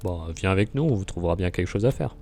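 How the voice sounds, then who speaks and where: A man's voice: low voice, expressive, fast, over music. A man playing a video game, commenting casually and reading the on-screen text aloud. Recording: clear background noise behind voice.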